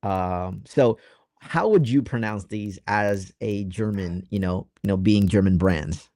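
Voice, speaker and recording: An American man speaks as a relaxed guest in a casual interview, easing into his questions. His voice is low and gravelly, and the room adds almost no echo. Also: unhurried, clean studio sound. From United States. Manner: laughs easily, relaxed questioning.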